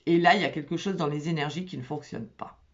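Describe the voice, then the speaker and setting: A woman's voice: deep voice, quick pace, muffled recording. A woman giving a casual tarot reading for zodiac signs, chatty and repetitive, often checking in with her listeners. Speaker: tarot card reader.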